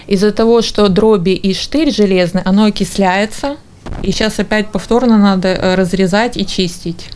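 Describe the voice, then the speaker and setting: A woman in her forties giving an informal interview account in halting, broken phrases. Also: medium pitch, steady tone, darkish tone, slight background noise. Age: 40s. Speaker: injured interviewee. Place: small indoor kitchen. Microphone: handheld or stand TV microphone before her.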